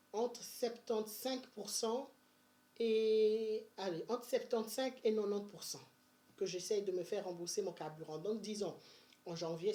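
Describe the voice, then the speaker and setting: A woman's voice: medium pitch, warm tone. A woman from Benin, chatting casually in a money-saving advice vlog, full of energy, fillers and restarts. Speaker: vlogger.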